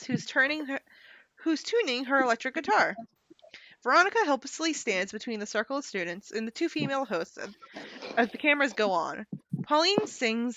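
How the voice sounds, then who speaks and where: Bright lively woman reading stage directions. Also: sits high, dry recording, muffled recording. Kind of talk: table read of a screenplay.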